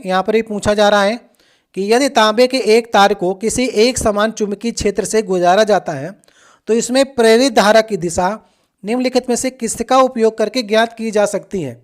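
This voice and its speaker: A coaching teacher works through previous exam questions in a steady, explanatory way. The teacher speaks directly to the students and keeps checking in with a quick "okay" before moving on. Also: mid-range voice.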